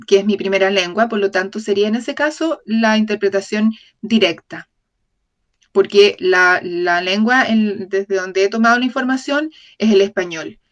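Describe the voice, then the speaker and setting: In an open talk series, a woman delivers a voiced-over lecture meant for an interpreter. Her mid-range delivery is measured, with frequent mid-phrase self-corrections and tag questions aimed at the audience.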